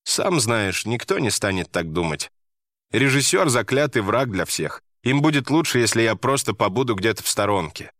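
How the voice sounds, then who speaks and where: A man's voice: mid-range voice, very animated, moderate pace, a bit bright, no room sound, studio quality. A man voicing a self-assured female theatre director who talks in a wry, self-mocking way.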